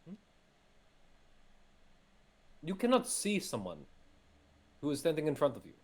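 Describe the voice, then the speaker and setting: A man's voice: fairly high pitch, wildly swooping pitch, a little fast, a little mellow. A man playing a tabletop game, teasing and arguing in character. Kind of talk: casual in-character banter.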